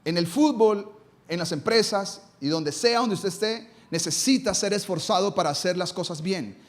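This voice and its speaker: A man's voice: high voice, moderate pace. A male pastor preaching a live sermon in his church, asking rhetorical questions and answering them himself.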